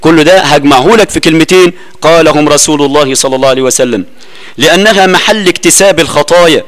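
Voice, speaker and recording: A man with an Egyptian accent gives a religious lesson as a sheikh. His voice sits slightly high, and he keeps asking the listener questions before answering them himself. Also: quick pace, fairly bright tone. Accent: Egyptian Arabic. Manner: explains with rhetorical questions.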